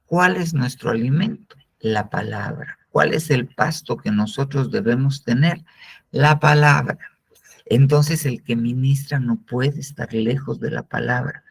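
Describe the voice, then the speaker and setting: A man's voice: fairly low pitch, slightly rough. A man with a Guatemalan Spanish accent teaching a Bible discipleship class, repeating phrases for emphasis.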